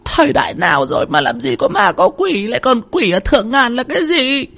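Woman as a tearful, high-pitched older village woman, pleading and scared. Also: wildly swooping pitch, a little fast, creaky, fairly bright tone, full character voice. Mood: doubtful pleading. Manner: tearful, begging.

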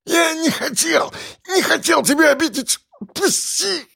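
A man's voice: very high-pitched, lively intonation, unhurried, vocal fry, sharp tone, dry recording, clean studio sound, voice pushed up, heavily acted. A man voicing a furious, foul-mouthed middle-aged male mayor who bellows and bullies. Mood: choking. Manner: bellowing, cursing, bullying.

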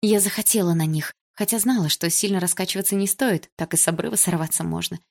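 A woman narrating a first-person novel with an expressive, emotional reading. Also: on the low side, fast talker, gravelly. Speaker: audiobook reader.

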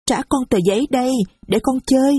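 A woman voicing a small, innocent little girl who speaks slowly and sweetly in a storybook reading. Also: high-pitched, dark tone, husky, no echo, studio quality, voice pushed up. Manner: slow, sweet childlike phrasing.

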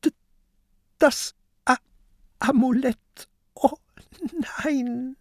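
A man's voice: very high voice, fairly even intonation, very slow, no echo, studio quality, pitched above the performer's own voice, exaggerated voice. A man reading a children's audiobook, voicing a small, hot-tempered pirate boy who stammers. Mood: distraught. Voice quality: stuttering.

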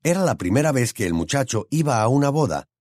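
A man narrating an audiobook in a steady, expressive storytelling manner. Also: medium pitch, fast, dry recording, studio quality.

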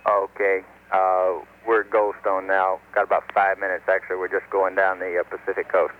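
A man's voice: sits low, completely flat delivery, moderate pace. An American man working as a mission control communicator, talking matter-of-factly over a spaceflight radio link. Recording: narrow tinny radio line, noisy static.

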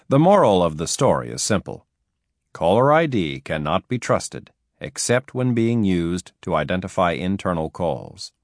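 A man with a very low, deep voice narrating an audiobook about con artists. His reading is emphatic, with lively, wide-ranging intonation that keeps the story moving. The sound is dry and close, with no room echo.

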